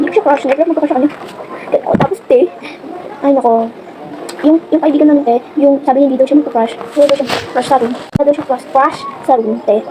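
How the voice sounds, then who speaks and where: A Filipino woman with a high voice chats quickly and rambles through a get-ready-with-me vlog. Clear background noise fills the room behind her. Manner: chatty, rambling, many fillers. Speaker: vlogger. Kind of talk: casual get-ready-with-me chat.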